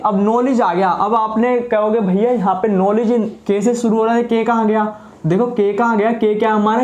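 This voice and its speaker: A man's voice: high voice, a little mellow. A man teaching English spelling rules, patiently asking rhetorical questions and answering them himself, repeating each point. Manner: patient and repetitive, says each word twice. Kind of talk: explaining spelling rules in a lesson. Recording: echoey room.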